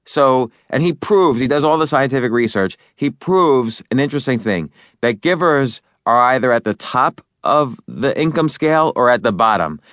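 An author narrates his own book loosely and conversationally, using fillers and restarts as he talks through each point. His mid-range voice is expressive and a bit bright, moving at normal speed with few pauses, captured in a dry recording.

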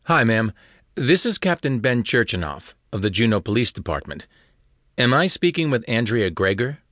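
A male audiobook narrator voicing a composed small-town police captain who speaks with calm authority. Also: mid-range voice, normal speed, dry recording, clean studio sound.

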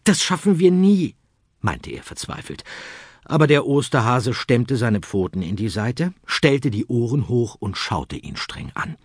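A man reads a children's story with a playful, expressive delivery, his low, husky voice swooping up and down. The sound is close and dry, with no room around it. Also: a little slow, dry recording. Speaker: audiobook narrator.

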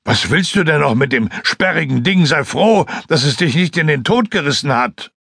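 A man's voice: on the high side, expressive, moderate pace, vocal fry, fairly bright tone, breathy edge, no room sound, clean studio sound, pitched above the performer's own voice, heavily acted. A man doing a blunt, coarse forest hunter. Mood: exasperated.

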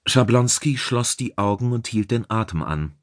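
A man reading a sci-fi audiobook in a measured storytelling manner. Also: medium pitch, animated, no room sound, clean studio sound. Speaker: audiobook narrator. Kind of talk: scripted narration.

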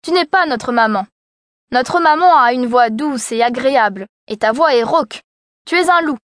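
A woman voicing small young goat kids in a storybook reading, with high, piping cries. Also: expressive, moderate pace, fairly bright tone, no room sound, studio quality. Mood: defiant.

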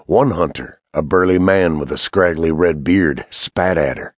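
Male audiobook narrator, very deep and unhurried, husky, dry close studio sound. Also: no room sound. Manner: measured, even storytelling. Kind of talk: scripted fantasy audiobook narration.

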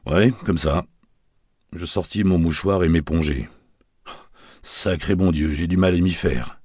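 A man narrating a detective novel in a wry, measured storytelling manner, recorded close to the mic. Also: low voice, steady tone, a little mellow, no echo. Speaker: audiobook narrator.

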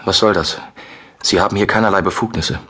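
A man's voice: low-pitched, brisk, sharp tone, breathy edge, exaggerated voice. A man voicing a tired suspect in a police interrogation, answering tersely and defiantly.

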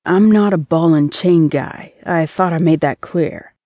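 A man's voice: fairly high pitch, a little slow, darkish tone, dry recording. A woman voicing a casual, commitment-shy young boyfriend in an audiobook, with a breezy, evasive way of talking.

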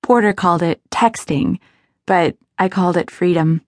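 Low-voiced woman narrating an audiobook. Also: normal speed, darkish tone, no echo, clean studio sound. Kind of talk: first-person audiobook narration.

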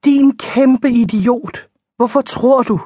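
A woman's voice: mid-range voice, fairly even intonation, warm tone, dry recording, natural voice. A woman voicing an impulsive young heroine. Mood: urgent. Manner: urgent and emotional.

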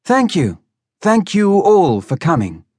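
Male narrator putting on an elegant young woman, high and gracious, slow, close dry read. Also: huge pitch swings, a little mellow, no echo, full character voice. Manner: gracious, heartfelt speech-giving.

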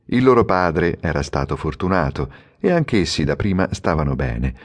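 A man narrating an audiobook in a measured, expressive storytelling manner. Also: very deep voice. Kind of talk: scripted narration.

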